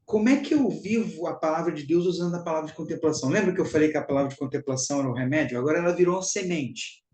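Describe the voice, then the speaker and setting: A man's voice: a little high, racing, a little mellow, echoey room, rough recording. A Brazilian man giving a spiritual teaching talk, emphatic and repetitive, calling his listeners brothers and sisters.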